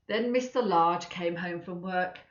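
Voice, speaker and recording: With a lowish voice and a measured pace, a woman reads a children's story to schoolchildren, bringing it to life expressively and chatting to her young listeners along the way. The room is echoey and the sound slightly dull.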